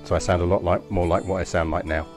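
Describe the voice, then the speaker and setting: A man with an English accent talks through a strategy game on a live stream. His voice sits fairly low, and he drifts into anecdotes and swears offhandedly. Faint music plays behind him. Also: flat delivery, fast, darkish tone. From East London. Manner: rambling, anecdotal, swears casually. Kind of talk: casual live-stream commentary.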